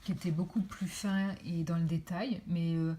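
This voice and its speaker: A woman's voice: on the low side, steady tone, normal speed, warm tone, a little hiss or hum. A woman reviewing books in a casual vlog, chatty and full of fillers as she shows pages to the camera. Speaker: book reviewer.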